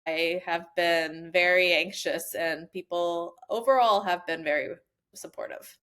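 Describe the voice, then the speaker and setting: Woman guest on a podcast, kinda low voice, chatty, says "like" a lot. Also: measured pace, a bit bright. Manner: chatty, lots of "like" fillers, practical tips. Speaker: guest, travel advisor. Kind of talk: casual podcast conversation.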